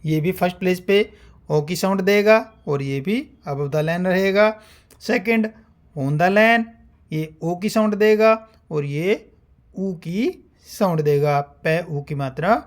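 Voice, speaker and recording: A man teaching shorthand, explaining step by step and sounding out example syllables one at a time. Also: high voice. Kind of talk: classroom-style explanation.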